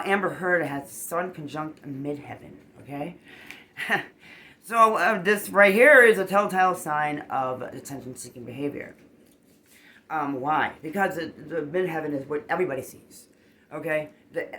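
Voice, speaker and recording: A bright, sharp-toned tarot reader talking casually to the camera, animated and rambling. Points are punched with a quick "boom" or "okay?", and the speaker gets emotionally worked up, with a faint hum of ambience underneath. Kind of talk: casual tarot reading monologue.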